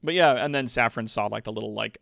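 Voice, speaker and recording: A livestream host with a gravelly, mid-range voice talks fast as he chats with viewers from his home streaming room, swearing freely and making lively asides. The recording is studio quality, with no room sound.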